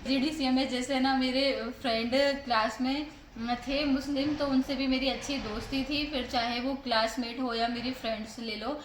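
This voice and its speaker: A Rajasthani woman chatting casually in a couple vlog, relaxed, with lots of fillers as she talks. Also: high-pitched, normal speed. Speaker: vlogger, co-host with husband. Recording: echoey room, faint background noise.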